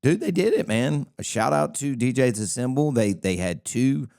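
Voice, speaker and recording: A man co-hosting a casual podcast chat, telling animated, rambling stories with many restarts. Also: medium pitch, normal speed, gravelly. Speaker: podcast co-host, DJ.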